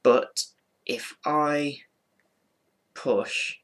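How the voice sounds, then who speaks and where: A man's voice: a little high, steady tone, drawn-out words, fairly bright tone. A man giving an informal hands-on explanation in a rambling, matter-of-fact way, often repeating himself. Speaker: ventriloquist presenting his figure.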